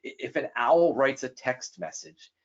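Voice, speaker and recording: In a talk for a guest on personality styles, a man acts out the characters from his stories. His animated delivery jumps quickly in pitch whenever he quotes someone, and the recording has a dull, lo-fi quality.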